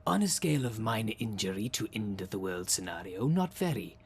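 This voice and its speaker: On the low side and very animated, the man talks fairly quickly with a little hiss or hum in the recording. He performs a theatrical demon caretaker in a scripted audio roleplay aimed at the listener, formal and grandiose, dry and businesslike with a sardonic salesman's air.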